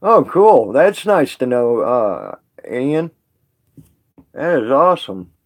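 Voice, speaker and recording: A man's voice: mid-range voice, very animated, slow. A man chatting casually on a live stream with viewers, rambling and folksy, laughing often.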